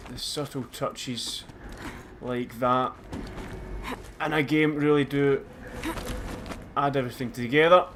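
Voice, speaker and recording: A man's voice: medium pitch, steady tone, slow pace, long pauses, background noise. A man with a Scottish accent giving casual, chatty and self-mocking commentary over a game as a let's play host. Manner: chatty, self-mocking, bursts into loud laughs.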